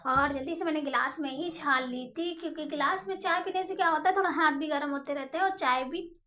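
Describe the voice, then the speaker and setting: Young woman, high voice, rapid chatty home vlogger, casual voice-over. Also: bright, forceful tone. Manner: rapid, chatty, apologizes for talking fast.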